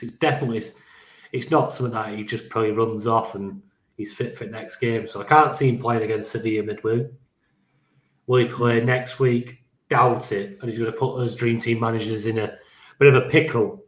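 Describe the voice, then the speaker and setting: A man co-hosting a fantasy football podcast, talking in a casual, joking way. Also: medium pitch. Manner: casual, swears, laughs easily. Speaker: podcast co-host. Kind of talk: casual chat. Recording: roomy echo.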